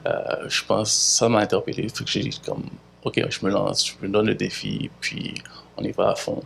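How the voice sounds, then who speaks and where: A man in his thirties from Haiti with a Haitian French accent, an artist giving halting interview answers full of fillers and restarts. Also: on the low side, little pitch movement, fairly bright tone, slight background noise. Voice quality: gravelly, husky. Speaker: visual artist.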